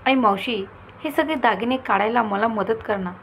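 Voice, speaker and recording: A woman voicing an impulsive, playful young woman who talks in a lively, pleading way. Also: on the high side, normal speed, a little hiss or hum, low-quality recording.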